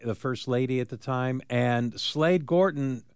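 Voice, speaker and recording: An American man hosting talk radio, giving unscripted commentary in a halting, deliberate manner. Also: medium pitch, a little mellow, clean tone, no echo, clean studio sound.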